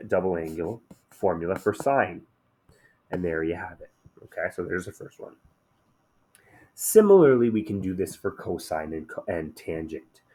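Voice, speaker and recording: A man teaches a math lesson in a relaxed, conversational way, often checking in with "okay?". His voice sits low and is slightly hoarse after a day of shouting.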